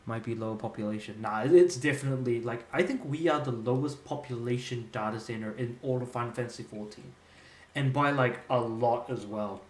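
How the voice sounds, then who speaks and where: A young Australian man chats casually while streaming a game, his medium-pitched voice moving fairly quickly. He rambles in a laid-back, self-amused way, and the room sounds echoey.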